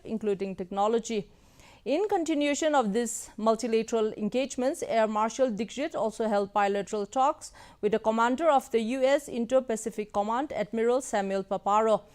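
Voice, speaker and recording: A woman's voice: on the high side, darkish tone, clean tone. A woman reading scripted news as an anchor in a formal manner.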